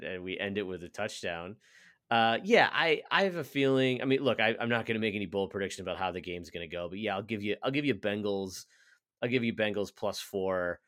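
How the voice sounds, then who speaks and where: A man's voice: fairly low pitch, fairly bright tone. A man co-hosting a casual sports podcast, rambling and full of "like" fillers. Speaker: podcast co-host.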